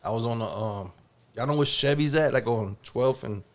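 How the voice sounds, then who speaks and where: A man's voice: mid-range voice, moderate pace. A man in his forties from Germany, a guest telling a profane story with laughs on a casual podcast. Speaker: guest rapper.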